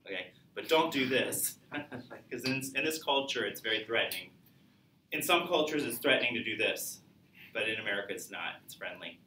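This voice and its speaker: A man's voice: on the low side, expressive, moderate pace, sharp tone, distant mic, a little hiss or hum. A man teaching a public speaking class, lecturing conversationally and asking students questions. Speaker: college speech instructor. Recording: echoey classroom recorded from afar.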